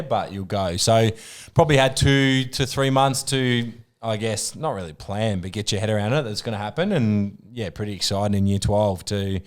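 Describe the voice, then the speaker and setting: A young Australian man, a podcast guest, telling stories in relaxed casual chat that often trails off. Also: fairly low pitch, clean tone. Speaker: podcast guest, former footballer.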